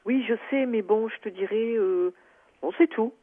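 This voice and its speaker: A woman's voice: on the high side, normal speed. Hesitant woman caller on a phone line. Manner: hesitant, many fillers and restarts. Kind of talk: phone-in personal account.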